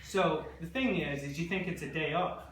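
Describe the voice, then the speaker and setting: A man in his forties from British Columbia, Canada, with a higher-leaning voice and moderate pace, tells a rambling comic story full of digressions and asides to a live audience in a hall. The recording is echoey, with a distant mic and heavy noise.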